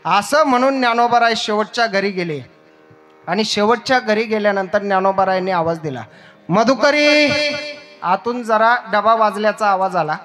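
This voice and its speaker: A man's voice: high voice, fairly quick, a bit bright. A man telling a devotional story as a kirtan preacher, dramatic and emotive.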